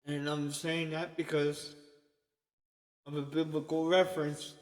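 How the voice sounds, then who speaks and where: A man's voice: on the high side, little pitch movement, a little slow. A man preaching an informal sermon in a conversational way, often checking in with "okay?". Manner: conversational, repeatedly asks "okay?". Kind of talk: informal sermon to an online group. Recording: echoey long reverb.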